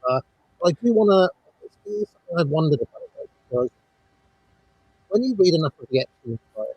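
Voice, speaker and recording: A man's voice: a little high, very animated, brisk, slightly rough, no room sound. A man hosting a podcast discussion, talking through a muffled, underwater-sounding headset mic and thinking aloud with restarts. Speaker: podcast host. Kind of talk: casual discussion on a call. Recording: muffled mic over a call.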